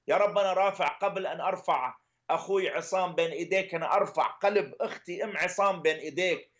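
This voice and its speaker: High-voiced man in earnest prayer. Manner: earnest, pleading, repetitive petitions. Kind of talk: intercessory prayer.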